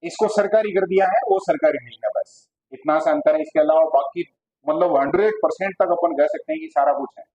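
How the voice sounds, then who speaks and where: A man's voice: fairly high pitch, a little fast, husky. Male teacher, quizzing students. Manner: asks students questions and answers them himself. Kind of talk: classroom lecture. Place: classroom with students. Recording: dull lo-fi classroom recording.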